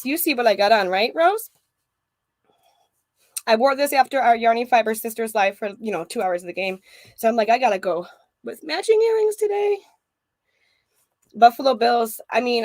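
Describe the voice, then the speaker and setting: Woman hosting a crochet live chat, kinda high voice, dry close sound, calls everyone sweetie. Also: normal speed, no room sound. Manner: greets viewers by name, affectionate, chatty. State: out of breath. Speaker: host of a crochet livestream. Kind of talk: casual livestream chat. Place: home craft room.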